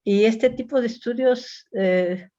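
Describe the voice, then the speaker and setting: A woman in a seminar reflecting at length, appreciative and hesitant, pausing on fillers. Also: fairly high pitch, warm tone, dull audio. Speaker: seminar participant. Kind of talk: seminar commentary.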